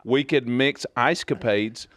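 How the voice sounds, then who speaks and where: A man with a middle-pitched voice, joking dryly and teasing his co-host on a radio coaches show. The studio sound is close and dead, with no room echo. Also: takes it slowly, a bit bright. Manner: dry, teasing banter. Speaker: head basketball coach.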